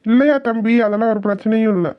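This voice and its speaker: A woman voicing a calm, reassuring male doctor in a cartoon, speaking gently to a worried mother. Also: on the high side, fast talker, no echo, highs cut off, natural voice. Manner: gentle, soothing, talks kindly to a worried mother. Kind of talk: cartoon voice acting.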